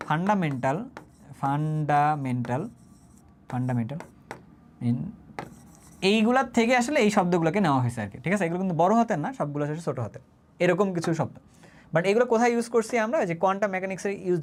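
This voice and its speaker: Rapid-fire chemistry teacher, man. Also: high-pitched, slight background noise. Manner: conversational, often checks understanding with quick tag questions; mixes English words into his talk. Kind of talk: online class lecture.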